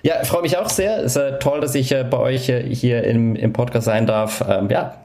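A man answers questions as an interview guest. His voice sits at a medium pitch with a mellow, relaxed tone. He speaks haltingly, often repeating a word while he looks for the next. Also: slight background noise. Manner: halting, repeats words as he searches. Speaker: startup CEO, podcast guest.

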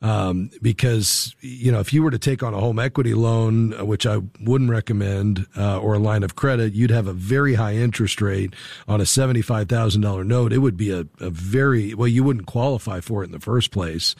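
A man hosting a call-in advice show, explaining things calmly and step by step into a studio microphone. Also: fairly low pitch, vocal fry, dry recording. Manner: calm, measured, explaining step by step. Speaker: radio host, financial advisor.

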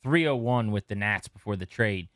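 A man co-hosting a casual sports podcast, chatty and relaxed as he runs through stats. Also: fairly low pitch, normal speed, dry recording, studio quality. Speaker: podcast co-host.

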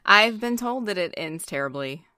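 A woman's voice: medium pitch, lively intonation, normal speed, pushed and bright, no room sound, clean studio sound. A woman co-hosting a podcast, chatting casually, answering with short reactions and questions. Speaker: podcast co-host. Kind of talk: casual chat.

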